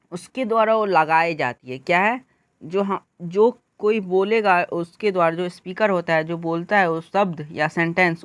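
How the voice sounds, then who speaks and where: Slow-paced woman teaching. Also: mid-range voice, dry recording. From India. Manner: reads English definitions slowly, then explains in Hindi with fillers. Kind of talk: exam-prep lesson explaining English in Hindi.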